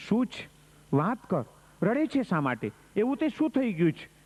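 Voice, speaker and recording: A man playing a calm, kindly older male monk leader who speaks gently and soothingly, in a sermon story. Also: high voice, normal speed, long reverb tail, muffled recording. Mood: gentle.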